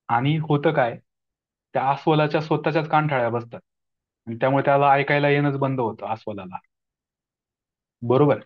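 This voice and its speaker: A man's voice: mid-range voice, highs cut off. Man teaching with rhetorical questions. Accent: Marathi. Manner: explanatory, frequent rhetorical "right?" checks. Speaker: Marathi grammar teacher. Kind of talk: exam question explanation lecture.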